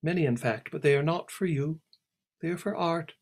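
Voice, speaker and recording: A man reading aloud and voicing a haughty, contrary young mermaid girl, bossy and careless in manner, with a slightly husky voice. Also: fairly high pitch, normal speed, a little mellow, voice pushed up.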